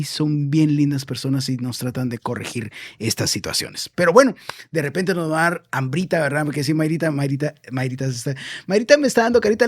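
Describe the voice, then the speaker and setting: A man's voice: medium pitch, dry recording. Chatty male radio host, dry sound. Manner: chatty and meandering, many fillers and self-corrections. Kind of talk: casual radio talk about travel.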